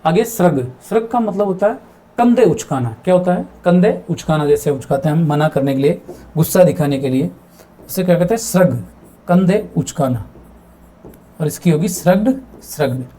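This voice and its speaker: Male grammar teacher with a high, mellow voice who repeats terms and quizzes himself aloud. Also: lively intonation, moderate pace. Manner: repeats words and asks himself questions; mixes English terms into his explanations. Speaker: English teacher. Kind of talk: explaining grammar in a video lesson.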